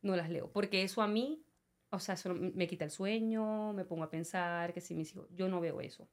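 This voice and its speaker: A middle-aged woman with a Venezuelan accent, an immigration consultant chatting as an interview guest and telling stories in a lively way, acting out what others said. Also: fairly low pitch, normal speed. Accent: Venezuelan Spanish. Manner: lively storyteller who acts out quoted voices. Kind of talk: casual interview conversation.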